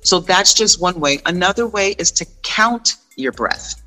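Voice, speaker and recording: A man's voice: high-pitched, animated, a little slow, bright, forceful tone, soft background music, rough recording. A man explaining things conversationally, like a wellness coach, in an encouraging, informal way with short emphatic phrases. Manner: encouraging, reassuring. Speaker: meditation and wellness guest.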